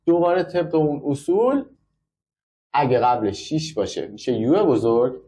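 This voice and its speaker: A man's voice: mid-range voice, expressive, dark tone. A man teaching braille in a classroom, explaining step by step and counting out numbers. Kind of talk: classroom lesson.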